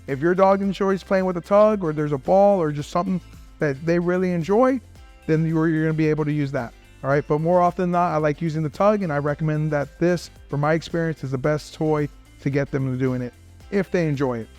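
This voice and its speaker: In an instructional training video, a male dog trainer explains step by step how to teach a dog to bark on command, working with his dog while praising and commanding it. His coaching is upbeat, often checking in with viewers using "right?" and "okay?", and his fairly high, brisk voice has a darkish tone over soft background music.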